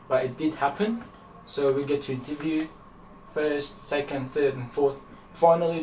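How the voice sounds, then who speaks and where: A young man from Afghanistan answering interview questions, halting and hesitant with many fillers, recorded in a small indoor room. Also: on the high side, slight background noise. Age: young adult. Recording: echoey room, from far off.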